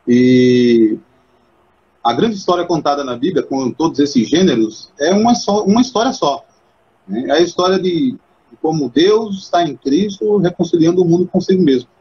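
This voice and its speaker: A man hosting a casual live chat on Bible literature, animated and acting out the voices he quotes. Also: on the high side, a little slow, long pauses, highs cut off. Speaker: host.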